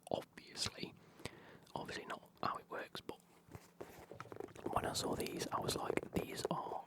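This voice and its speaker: A British man speaking in a breathy, unvoiced whisper, chatting casually through an ASMR unboxing in a hushed way. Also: medium pitch, low-quality recording. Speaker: ASMR video host.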